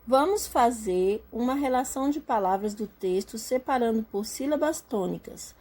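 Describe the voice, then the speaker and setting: A woman teacher slowly explaining a homework assignment to her students step by step, often checking that they understand. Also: a little high, expressive, a little mellow. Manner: slow and patient, explaining step by step with many checks. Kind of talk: recorded remote class lesson.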